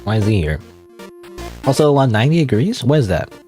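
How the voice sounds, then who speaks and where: A man's voice: mid-range voice, sing-song, brisk, mellow, faint music behind. A man from Canada, reading game text aloud and commenting casually. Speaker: game streamer.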